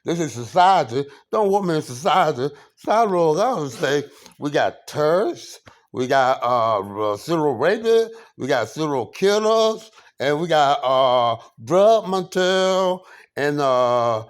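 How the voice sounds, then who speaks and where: Halting, preachy man with a higher voice. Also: very animated, smooth. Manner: halting, many fillers and repeated words; preaching, rhetorical questions. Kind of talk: personal monologue.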